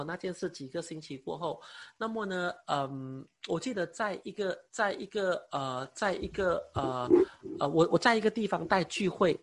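A young man preaching and giving a personal testimony, halting with many fillers, speaking with emotion. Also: high-pitched, husky. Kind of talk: sermon testimony.

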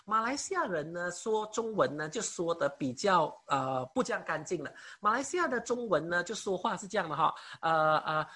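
Animated husky woman in her thirties. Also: lowish voice, moderate pace, few pauses. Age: 30s. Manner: excitable, imitates others' speech, many hesitations. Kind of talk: animated storytelling talk.

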